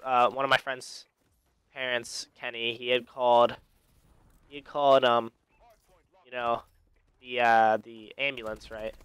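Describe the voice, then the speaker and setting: A man narrating a personal story while commenting on his gameplay, talking loosely with lots of fillers and self-corrections. His voice is bright and crisp, recorded dry and close to the mic. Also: medium pitch, dry recording. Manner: rambling, many fillers and restarts. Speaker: gaming commentator. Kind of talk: casual storytelling over live gameplay.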